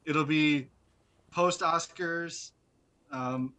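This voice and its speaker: A man chatting as a podcast guest on a video call, talking in halting, stop-start phrases through an echoey, distant built-in laptop microphone. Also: a little high, steady tone, sharp tone, smooth. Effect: echoey, distant laptop microphone sound. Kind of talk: casual chat. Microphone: built-in laptop mic on a video call.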